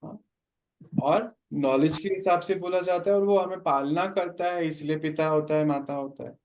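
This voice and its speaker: A man's voice: a little high, steady tone, normal speed, darkish tone. A man teaching a spiritual class, explaining and often asking his listeners questions.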